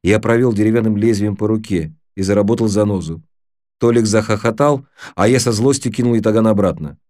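A man reads an audiobook in a steady, measured way. His voice is lowish and mellow. The recording is close and dry, with no room sound. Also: no room sound. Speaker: audiobook narrator. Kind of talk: audiobook narration.

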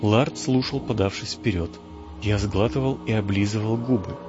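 A male narrator with a fairly low voice reads a fantasy story in the first person, lively and theatrical. The recording is dull and lo-fi, with clear music playing behind him. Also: moderate pace. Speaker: audiobook narrator. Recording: dull lo-fi audio with strong background music.

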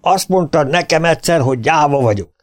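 A man voicing a freckled young cowboy who shouts in a sharp, challenging way. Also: on the high side, lively intonation, pitched above the performer's own voice, natural voice. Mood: shrill, defiant.

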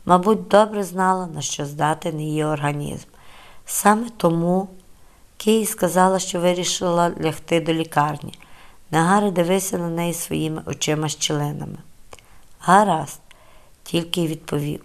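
A woman narrating a novel in a calm, measured storytelling voice. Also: lowish voice. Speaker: audiobook narrator. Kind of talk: scripted literary narration.

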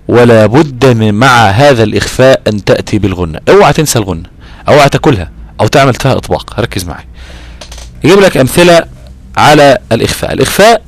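A man with an Egyptian accent teaching a recitation lesson, repeating key terms and slowing down to draw out his recited examples. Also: mid-range voice, no room sound. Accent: Egyptian Arabic. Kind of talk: explanatory lesson.

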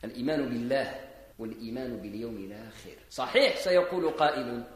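A man's voice: medium pitch, fast. A man with a Moroccan accent preaching a sermon that explains scripture. He mixes formal speech with dialect and pushes his voice up on key points. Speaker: Islamic preacher. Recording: echoey hall with long reverb.

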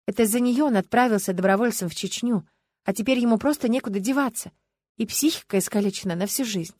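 A woman's voice: a little high, fast, darkish tone, no room sound, studio quality, lightly acted. A woman reading an audiobook and voicing an earnest, stubborn young heroine who speaks in a pleading way.

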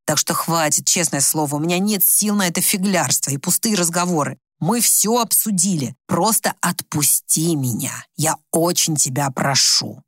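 A woman voicing a tired, bitter older husband who speaks slowly and low in an audiobook story. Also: expressive, husky, no room sound, studio quality. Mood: weary. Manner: tired, slow, low and resigned.

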